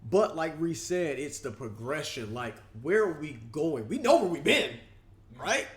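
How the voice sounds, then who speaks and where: Blunt, higher-voiced man chatting casually. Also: very animated, a little slow. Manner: frequent affirmations, blunt and casual. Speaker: podcast co-host. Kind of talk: casual barbershop discussion. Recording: echoey room.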